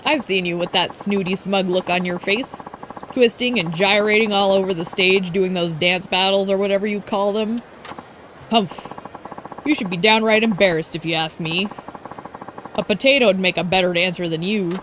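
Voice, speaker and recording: A woman's voice: mid-range voice, fairly even intonation, moderate pace, a bit bright, slight background noise, natural voice. A woman voicing a bratty, arrogant young female rival idol who talks in a haughty, taunting, boastful way.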